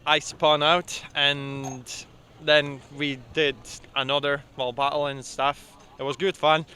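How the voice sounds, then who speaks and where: Bright-voiced man from Poland. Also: a little high, takes it slowly, a little hiss or hum. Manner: relaxed, hesitant, many "uh"s. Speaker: drift driver. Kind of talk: casual interview answers. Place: outdoors at a drift event.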